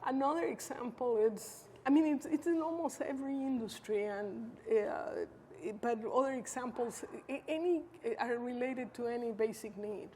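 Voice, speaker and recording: Measured Chilean-born woman, slightly high voice. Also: dark tone. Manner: thoughtful, measured, with frequent fillers and restarts. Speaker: interview guest, social entrepreneur. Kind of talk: conversational interview answers. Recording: faint background noise.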